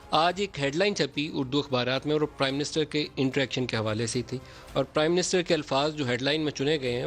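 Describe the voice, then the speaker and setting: A man hosting a political talk show, delivering emphatic, declamatory commentary from a TV studio. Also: fairly high pitch.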